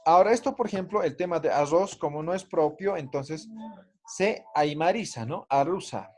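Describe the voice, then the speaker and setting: A man's voice: on the high side, normal speed. A man teaching an online language class, explaining patiently and checking in with tag questions.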